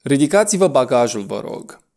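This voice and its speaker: Male teacher, slow drilled repetitions, mid-pitched. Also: sing-song, vocal fry, warm tone. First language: Romanian. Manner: slow, deliberate repetition of words. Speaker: language teacher. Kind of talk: pronunciation lesson.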